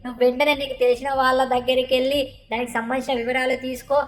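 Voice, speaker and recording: A woman's voice: sits high, little pitch movement, racing, lightly acted. A woman voicing a cheeky, whiny little boy who nags constantly and keeps calling for his uncle, in a fan-dubbed game parody. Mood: eager. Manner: nags constantly, repeating 'uncle'.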